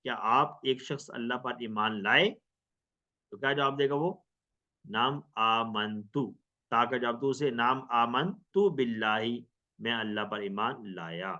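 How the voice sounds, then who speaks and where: Patient male teacher, drills phrases by question and answer, slow delivery, muffled recording. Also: medium pitch, bright, forceful tone. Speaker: Arabic teacher. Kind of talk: recorded grammar lesson. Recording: dull lo-fi recording.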